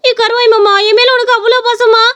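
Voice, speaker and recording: A woman's voice: very high voice, little pitch movement, fairly quick, fairly bright tone. A woman voicing a teasing, sassy young village woman in a cartoon story. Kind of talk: cartoon voice acting.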